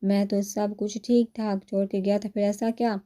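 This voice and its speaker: An anxious young man presses for answers in a pleading voice, as a woman reads him. The tone is dark and mellow, without brightness, in this storybook telling. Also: mid-range voice, flat delivery, natural voice. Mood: worried. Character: carefree young man, worried brother.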